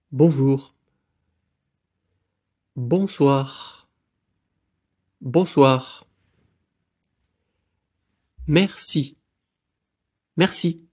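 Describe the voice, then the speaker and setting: A man with a French accent saying single words twice each, slowly, as a pronunciation model. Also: medium pitch, a little mellow. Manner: says each word twice, clearly spaced. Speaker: native pronunciation speaker. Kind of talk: slow word-by-word pronunciation drills.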